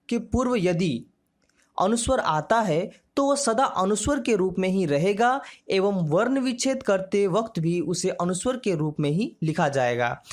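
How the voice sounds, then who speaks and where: A woman teaching a grammar lesson, slow and measured, drawing out each example word. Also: medium pitch.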